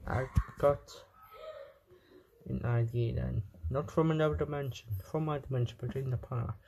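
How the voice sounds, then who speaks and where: A fan movie creator voicing every character in an amateur fan film, switching voices and jumping up into squeaky highs. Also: fairly even intonation, normal speed, gravelly, dark tone, slight background noise.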